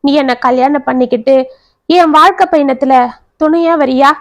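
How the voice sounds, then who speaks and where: A woman's voice: sits high, normal speed, no room sound. A woman storyteller voicing an earnest, devoted young man in a family story. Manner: earnest, pleading.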